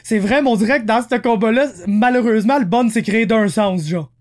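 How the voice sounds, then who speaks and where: Slangy Quebec French podcast host. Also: male voice, sits high, fairly quick. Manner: slangy and animated, drops English words into his French. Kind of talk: casual podcast chat.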